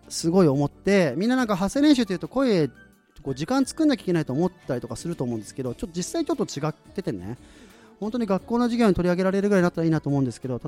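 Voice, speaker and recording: Lively man talking about voice training. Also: on the high side. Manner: rambling, animated, hums and sings syllables to demonstrate. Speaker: voice training host. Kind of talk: casual monologue with vocal demonstrations.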